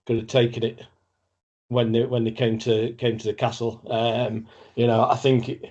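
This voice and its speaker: A man speaks as a guest on a fan podcast. He starts and restarts, repeating words as he works through his thoughts, at an average pitch. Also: little pitch movement, moderate pace, a little mellow, lo-fi sound. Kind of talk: casual podcast chat.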